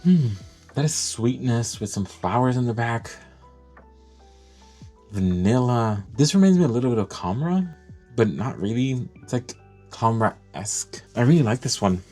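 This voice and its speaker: A man excitedly reviewing and unboxing fragrances, gushing and thinking aloud as he goes. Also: medium pitch, a little slow, soft background music.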